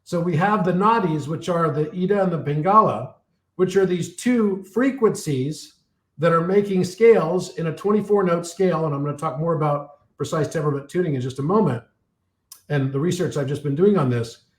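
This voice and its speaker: A man giving a live talk and taking audience questions, telling stories full of fillers and restarts while his voice is getting a little hoarse. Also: on the high side, moderate pace, roomy sound. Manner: rambling storytelling with many fillers and restarts.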